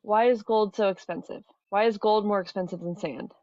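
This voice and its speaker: A woman's voice: mid-range voice, steady tone, normal speed, darkish tone, no echo. A woman in a casual debate, explaining her point step by step and checking that the listener follows. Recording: dull, dry audio, music behind.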